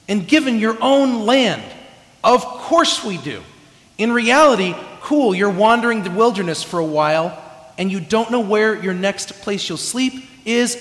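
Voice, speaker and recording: A high-pitched, slightly bright voice belongs to a California preacher delivering a casual, self-mocking sermon laced with humor. He keeps restarting phrases, and the sanctuary adds echoey hall reverb.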